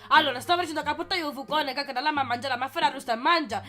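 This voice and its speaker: A woman's voice: high-pitched, very fast, bright, forceful tone. A woman voicing a cheeky, argumentative cartoon character in slangy Sicilian dialect for an amateur parody dub, rambling and swearing. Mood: flustered. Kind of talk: amateur comic parody dub of an animated film.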